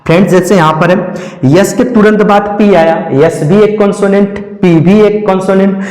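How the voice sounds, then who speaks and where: A male English teacher, slowly explaining pronunciation rules and repeating each word several times. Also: high-pitched, steady tone, a little mellow. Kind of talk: classroom lesson on pronunciation. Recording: echoey room with long reverb.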